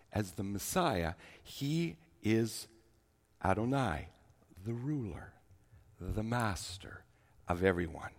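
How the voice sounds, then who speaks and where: Man preaching in a reverberant hall. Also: fairly low pitch. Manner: swings from forceful scripture reading to soft, conversational asides. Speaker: pastor. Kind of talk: sermon.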